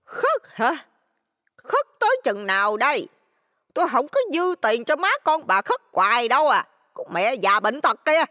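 Shrill bossy loan shark lady, a woman acting her out, swoops high and low, big hall reverb on a dry voice. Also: big pitch swings, a little slow, bright, forceful tone, exaggerated voice. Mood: mocking. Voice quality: shrill, piercing. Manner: scolding, mocking, abrupt pitch swings. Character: shrill greedy middle-aged female village loan shark.

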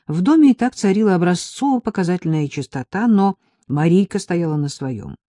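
A woman narrating a first-person audiobook in an even, wry storytelling manner. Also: on the low side, no room sound, clean studio sound.

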